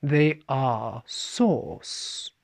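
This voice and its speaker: A man giving a spiritual talk, speaking of himself as "we" and shifting between playful and calm. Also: mid-range voice, very slow, gravelly. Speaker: spiritual teacher. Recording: dull lo-fi recording.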